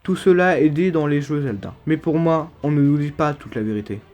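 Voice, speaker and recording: A man's voice: on the high side, expressive, fairly quick, darkish tone. A man with a lisp, slushy s sounds and slurred articulation, narrating humorous video game theories in a mock-serious, emphatic manner. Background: background music.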